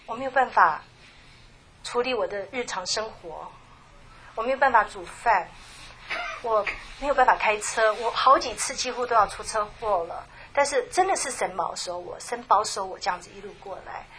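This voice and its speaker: A middle-aged woman gives a personal faith testimony at a church gathering, speaking softly and haltingly with many restarts. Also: on the high side, slight background noise. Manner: halting and soft, with many restarts and trailing phrases. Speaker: church member giving a testimony.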